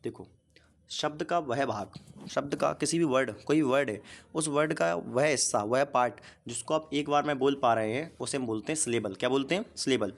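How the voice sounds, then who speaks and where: A patient male teacher works through a grammar lesson one piece at a time. He keeps asking quick questions like a quiz and answers each one himself. His voice is of ordinary pitch for a man. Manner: asks questions and repeats the answers; patient, explains step by step.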